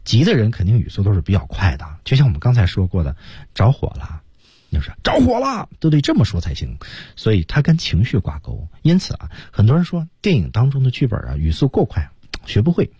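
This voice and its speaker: A man's voice: fairly low pitch, sing-song, fairly quick, warm tone, slightly rough, no echo, clean studio sound. A man teaching English on the radio, explaining each example line and then acting it out. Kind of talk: radio language lesson. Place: radio studio. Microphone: studio microphone.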